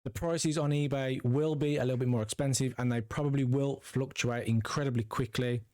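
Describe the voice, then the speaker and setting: With a mid-range, darkish voice and fairly even intonation, a card-collecting channel host talks briskly and chattily to his viewers. The upbeat, casual commentary is recorded dry with clean studio sound.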